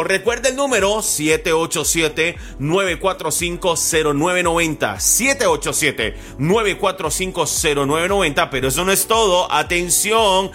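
A man hosting an infomercial with an urgent hard-sell pitch, repeating the phone number again and again. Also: bright, forceful tone. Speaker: infomercial host.

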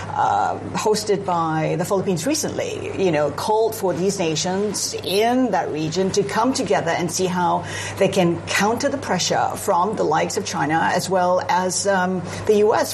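A woman from Singapore speaking as a news analyst in a panel discussion, measured and explanatory, often adding "I mean". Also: mid-range voice, a little hiss or hum. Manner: measured, frequent "I mean" asides.

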